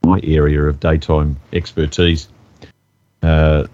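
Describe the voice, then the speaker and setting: Man, very low voice, measured and hesitant, casual podcast chat, slightly dull recording. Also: little pitch movement, darkish tone. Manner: measured, hesitant with many uhs. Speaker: podcast co-host.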